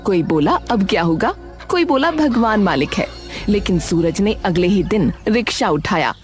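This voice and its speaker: A woman narrating an animated story in a dramatic, measured storytelling manner. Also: medium pitch, faint music behind.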